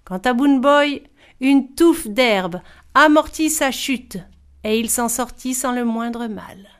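Woman storyteller, high-ish voice, slow calm read-aloud. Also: clean tone. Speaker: narrator. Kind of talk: storybook reading.

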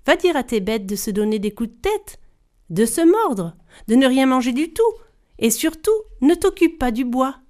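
A woman's voice: sits high, animated, normal speed, a little mellow. Woman voicing a wise old witch granny. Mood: instructing. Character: old grandmother witch who gives advice.

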